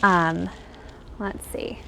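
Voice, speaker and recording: At home, a crochet pattern designer shows her work, chatting casually and thinking aloud in a rambling way. Her fairly low voice is level, extremely slow, creaky, pushed and bright, with slight background noise.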